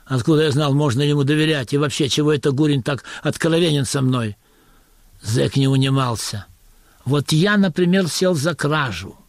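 A man narrating a story in a wry, even manner, as an audiobook reading. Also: fairly high pitch, moderate pace, no room sound, studio quality.

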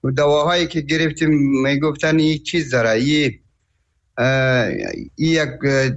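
A man from Afghanistan with an Afghan Dari accent, a father calling a radio show, speaking in a worried, halting way. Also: fairly high pitch, steady tone, fairly bright tone, highs cut off. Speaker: caller, father.

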